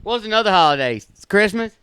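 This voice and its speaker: A man's voice: sits high, expressive, pushed and bright, clear, resonant tone, no echo. A young man with a Southern US accent, co-hosting a comedy podcast, teasing his partner and laughing often. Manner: teasing, laughs a lot, quick jokey quips. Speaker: podcast co-host. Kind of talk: casual comedic banter.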